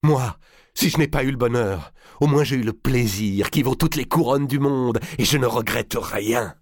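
A man reading aloud and voicing a defiant young noblewoman who shouts high, biting insults with scorn. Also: moderate pace, dry recording, clean studio sound, natural voice. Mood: furious.

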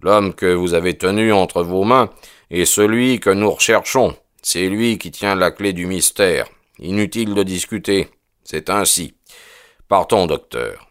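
A brilliant detective, crisp and commanding, quick to grow impatient, as a man puts him on in an audiobook. His voice is lifted a little above the reader's own low register and carries more force. The recording is close and dry. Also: no room sound. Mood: scolding. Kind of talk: audiobook character voice.

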